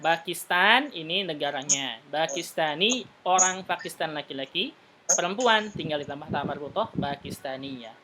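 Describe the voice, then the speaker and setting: A man teaching an Arabic class, patiently explaining and repeating words slowly for his students. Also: on the high side, expressive, pushed and bright, slight background noise.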